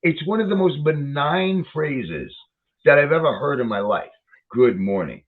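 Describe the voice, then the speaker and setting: A man's voice: on the high side, lively intonation, normal speed. A man ranting in a heated, profane commentary, swearing often and repeating himself as he reacts to a video. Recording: tinny phone-like line.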